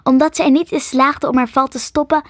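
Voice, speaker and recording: A woman narrates a children's chapter book in a slow, careful reading voice. Her voice sits fairly high, and the recording is close and dry with no room sound. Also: fairly even intonation, no echo. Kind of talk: storybook reading.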